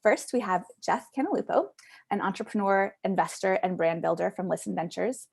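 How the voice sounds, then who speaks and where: Event host on a video call, woman with a gravelly, fry-heavy voice, upbeat and chatty. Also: medium pitch, expressive, a little fast, a little mellow. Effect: heard over a video call. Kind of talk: hosting a pitch event.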